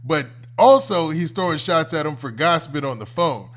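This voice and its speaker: An American man hosting a commentary livestream reacts off the cuff in a casual, colloquial, conversational way, often ending phrases with "man." His voice is on the high side and fairly bright in tone, animated, and delivered at a normal speed.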